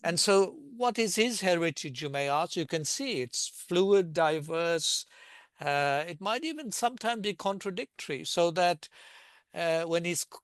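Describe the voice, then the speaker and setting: A semi-retired linguistics professor in his sixties from South Africa, speaking in a measured, reflective way with occasional hesitations as a panel guest. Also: fairly high pitch, a bit bright, no echo. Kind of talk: thoughtful panel discussion.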